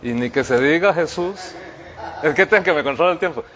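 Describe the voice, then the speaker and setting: A man preaching, rising to emphatic shouts and then dropping to quiet, careful explanation. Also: a little high, a little fast, slight background noise. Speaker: pastor. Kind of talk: sermon. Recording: hall reverb.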